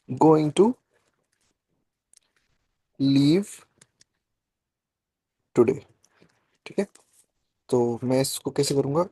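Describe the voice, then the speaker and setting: Slightly high and dark with a breathy edge, this man's voice comes through with no room sound as he teaches French over a video call. It's a live online class in Hindi and English, and he explains patiently at a slow pace, often asking "ठीक है" to check on his students.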